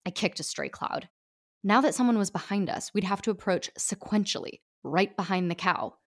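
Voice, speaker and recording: A woman narrating a short story in an expressive, playful way. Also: medium pitch, normal speed. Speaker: reader.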